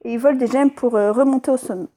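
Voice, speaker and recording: A woman's voice: fairly high pitch, quick pace, dark tone. A woman hosting a let's play, chatting casually and stumbling a little over her words. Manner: chatty, hesitant, with fillers and stumbles when reading. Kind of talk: casual gameplay commentary.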